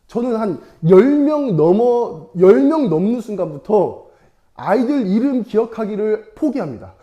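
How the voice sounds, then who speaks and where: Chatty young male preacher, lively pitch. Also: unhurried, highs cut off. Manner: chatty, playful, laughs often; asks the audience questions. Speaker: evangelist preaching to children. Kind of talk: casual sermon with storytelling.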